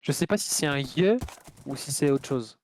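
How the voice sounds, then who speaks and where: A man's voice: medium pitch, expressive, normal speed, darkish tone, a little hiss or hum. A man with a French accent chatting and joking with his co-player during a game. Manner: joking, teasing. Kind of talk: casual gaming chat.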